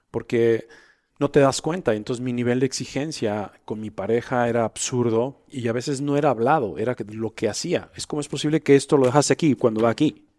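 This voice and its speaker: Animated man telling stories. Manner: animated, acts out dialogue with big pitch jumps. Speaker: guest, coach. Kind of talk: conversational storytelling.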